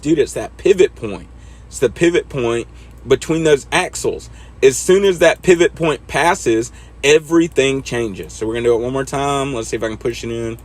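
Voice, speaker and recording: A man talking casually through a trucking simulator as he teaches backing, laid-back and chatting to himself as he drives. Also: medium pitch. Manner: laid-back, talks to himself while driving. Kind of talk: casual instructional commentary over gameplay.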